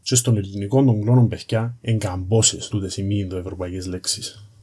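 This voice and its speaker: A man's voice: lowish voice, flat delivery, a little mellow, husky. A man with a Cypriot Greek accent narrates an educational piece in a conversational storytelling style, explaining things informally and directly to the listener. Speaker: presenter of an educational series on language history.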